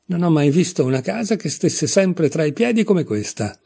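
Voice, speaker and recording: A man's voice: a little high, big pitch swings, normal speed, gravelly, dark tone, breathy edge, pitched above the performer's own voice, heavily acted. A man reading aloud, voicing Alice, a curious and polite young girl in a storybook, with an earnest, questioning way of asking.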